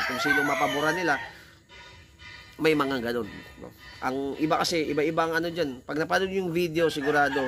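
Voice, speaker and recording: Hoarse, gravelly man over crowing roosters. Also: a little high, heavy background noise. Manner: animated, heated, repeats himself. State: hoarse from shouting. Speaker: cockfighting vlogger. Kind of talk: casual vlog talk. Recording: loud roosters crowing behind.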